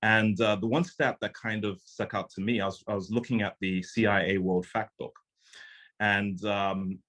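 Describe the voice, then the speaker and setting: A man's voice: fairly low pitch, little pitch movement, moderate pace, fairly bright tone. A man from Zimbabwe, a startup founder and CEO, giving an earnest, conversational conference presentation over a video call.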